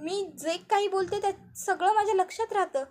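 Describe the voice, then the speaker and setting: This is a woman doing a frightened young wife from a retold TV serial. Her voice rides very high and tight as she pleads for answers. Every question comes out anxious and insistent. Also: fairly quick, darkish tone. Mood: pleading, distressed. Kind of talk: retelling TV serial dialogue.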